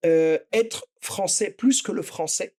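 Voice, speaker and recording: A man's voice: sits high, takes it slowly, darkish tone. A middle-aged man from the Paris suburbs, a chef and podcast guest, speaking passionately and emphatically in a casual podcast conversation, hammering key words through repetition. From Paris suburbs, Seine-Saint-Denis.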